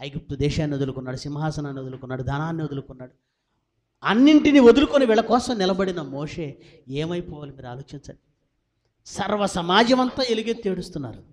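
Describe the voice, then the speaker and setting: A man's voice: fairly high pitch, animated, fast talker, a little mellow. A man pastor preaching a sermon to a packed hall, asking the congregation questions and answering them himself, with sudden rises and drops in volume. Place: large church hall with about four hundred people.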